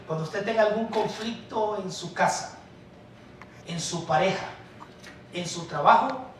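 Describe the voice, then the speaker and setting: A male pastor preaches a sermon, addressing his listeners as brothers and swinging from emphatic stresses to quiet asides. His high-pitched voice rings through a very echoey church hall, captured by a distant mic with a faint hum of room noise behind.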